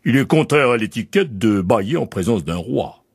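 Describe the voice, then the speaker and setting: A man voicing a proud, commanding old king in an audiobook, speaking in a slow, grand, ordering way. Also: medium pitch, lively intonation, creaky, slightly rough, no echo, clean studio sound. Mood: grandly commanding. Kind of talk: audiobook character voice.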